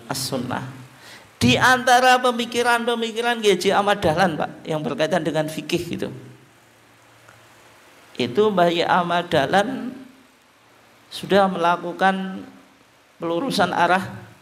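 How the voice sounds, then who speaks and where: Guy giving a religious talk, kinda high voice, quizzing the crowd then answering himself. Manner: lively, asks the audience questions and answers them himself, addresses them as Pak. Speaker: religious teacher. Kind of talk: religious study lecture.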